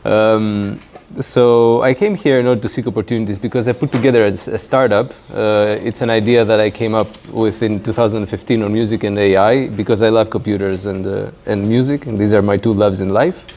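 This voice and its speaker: Speaking quickly and fairly evenly in a low, slightly mellow voice, this Greek startup founder jokes at his own expense with a wry tone. He's a guest in a relaxed fireside chat interview, live in a community tech workspace, using a handheld mic. His Greek accent comes through on a dull, muffled recording with noise behind him.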